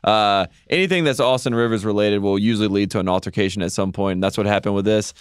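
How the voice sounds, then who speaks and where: A man's voice: on the low side, fast, smooth, no room sound, clean studio sound. A man co-hosting a podcast, telling stories in a wry, joking way in casual chat. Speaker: podcast co-host.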